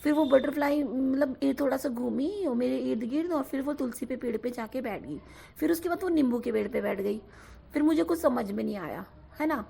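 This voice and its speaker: A woman's voice: high-pitched, a little fast, vocal fry, warm tone, slight background noise. A young woman casually telling listeners about her own devotional experience, rambling with many fillers and often asking them to agree. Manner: often asks 'है ना' to listeners. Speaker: devotee sharing a personal experience. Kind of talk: casual spoken testimony to a devotional audience.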